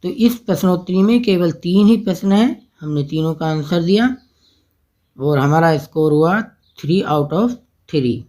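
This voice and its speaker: A man's voice: fairly high pitch, animated, measured pace, warm tone. A man with a patient manner, walking through a teacher-training quiz and explaining each answer option in turn. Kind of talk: screen-recorded quiz walkthrough.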